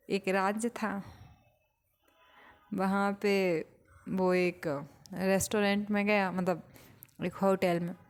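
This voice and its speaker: A woman with a mid-range voice gives a reflective spiritual talk. She speaks in short, unhurried phrases and pauses often between thoughts. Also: medium pitch, darkish tone.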